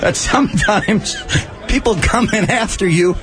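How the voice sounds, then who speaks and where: High-voiced, slow-paced man being coy. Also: background noise. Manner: coy, halting, mock-secretive. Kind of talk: casual radio banter.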